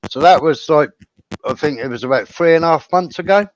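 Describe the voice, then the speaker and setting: A man's voice: fairly high pitch, a little fast. A man telling a rambling story to friends on a voice call, acting out both sides of conversations, while his mic clips and distorts. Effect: clipping, distorted mic audio. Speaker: voice chat participant. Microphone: home mic on an online voice call. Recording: muffled dry voice-call audio with clipping.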